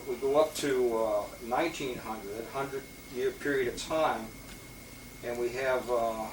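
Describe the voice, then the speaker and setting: Man rambling through a history talk. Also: mid-range voice. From Boston, Massachusetts. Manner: rambling, many fillers and restarts. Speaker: police lieutenant giving a talk. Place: historic house meeting room. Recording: roomy, distant mic with loud hiss.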